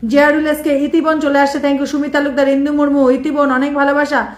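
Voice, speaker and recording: Hoarse high-voiced woman doing live shout-outs. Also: level tone, echoey room. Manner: reels off viewer names with quick thanks. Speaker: live streamer thanking viewers.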